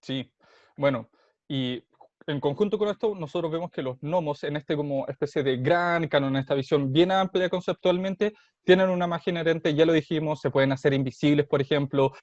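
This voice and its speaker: A man's voice: a little high, darkish tone, no room sound. Chilean man with a dull, dry recording. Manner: thoughtful, measured, with hesitations. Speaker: co-host. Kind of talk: explanatory roleplaying-game chat. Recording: dull, dry, muffled sound.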